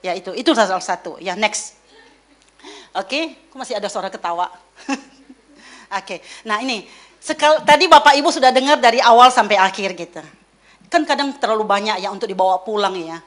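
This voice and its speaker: A middle-aged woman giving a lively church teaching, acting out quoted voices as she speaks. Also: mid-range voice, moderate pace, pauses often. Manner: lively, acts out quoted voices, mixes in English words.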